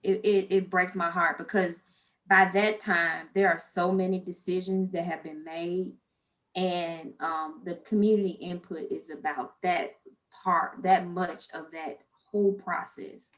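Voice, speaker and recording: A woman's voice: fairly low pitch, fairly even intonation, unhurried, fairly bright tone. An American woman, a city planning official, speaking earnestly in a virtual public meeting.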